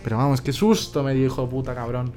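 A young man co-hosting a casual home podcast, telling game stories in an animated way with many restarts. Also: mid-range voice, fast talker, faint music behind. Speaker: podcast co-host. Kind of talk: casual chat about video games. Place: home room, small setup.

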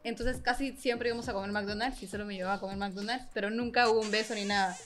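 A woman's voice: mid-range voice, fairly even intonation, fast. A young woman co-hosting a casual chat, sharing her own anecdote in a chatty way. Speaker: podcast co-host.

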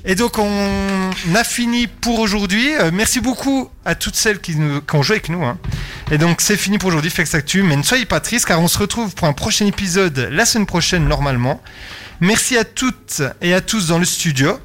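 A man hosting a quiz game on a radio show, lively and playful. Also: high voice, normal speed.

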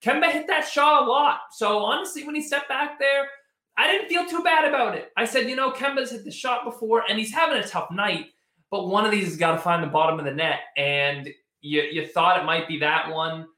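A man hosts live sports commentary in a conversational, off-the-cuff way, doubling back on words as he thinks. His voice is bright and slightly high, with a roomy echo around it. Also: brisk. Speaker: sports show host. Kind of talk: live post-game commentary, answering chat.

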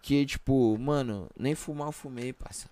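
A man's voice: medium pitch, moderate pace, dark tone. A young man with a Brazilian Portuguese accent telling anecdotes in casual, slangy chat full of verbal tags. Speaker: rapper, podcast guest.

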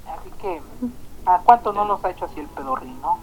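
A Mexican woman hosting a radio show, telling a story in a chatty, slangy, animated way. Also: fairly low pitch, fairly quick, slight background noise, low-quality recording. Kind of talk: casual storytelling chat.

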